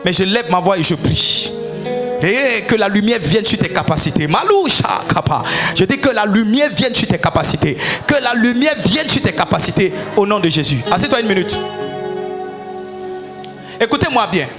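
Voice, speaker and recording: A man preaching a sermon as pastor, often shouting and breaking into sung lines. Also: high-pitched, animated, moderate pace, music in the background.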